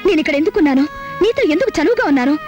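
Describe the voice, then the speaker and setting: A fiery young woman who scolds bluntly and talks fast, her voice high. Music runs behind her. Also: animated, darkish tone, lo-fi sound. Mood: defiant. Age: young adult. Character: sharp-tongued unmarried young woman, fiery. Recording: film soundtrack with music behind.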